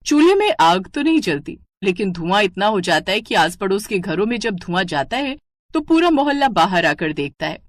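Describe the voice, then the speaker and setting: A woman's voice: mid-range voice, moderate pace, no echo. A woman narrating a cartoon moral story. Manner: steady storytelling.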